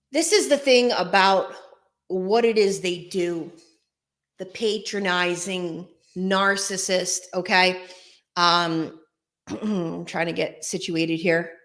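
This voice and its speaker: A woman speaking straight to her viewers in a casual, deliberate way, her voice echoing around a bare room. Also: medium pitch, a bit bright. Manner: slow, deliberate, often checks in with "okay?" and "you guys". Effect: echoey bare room sound. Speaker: online host. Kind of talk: casual direct-to-camera talk. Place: bare room without carpets, indoors.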